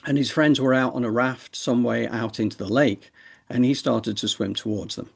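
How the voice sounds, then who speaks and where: A man's voice: medium pitch, steady tone, moderate pace, vocal fry, husky. A man hosting a show, talking in a conversational way with hesitations. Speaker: host.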